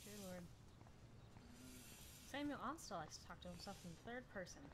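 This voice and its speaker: A woman's voice: medium pitch, lively intonation, normal speed. A woman giving casual let's-play commentary, with wry, blunt reactions to the game. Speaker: gaming streamer. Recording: noisy commentary over game audio.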